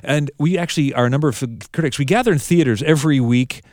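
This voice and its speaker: A man's voice: on the high side, quick pace, darkish tone, no room sound, studio quality. A man hosting a film critics' podcast, opening playfully and steering the chat. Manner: upbeat, playful intro with sound effects.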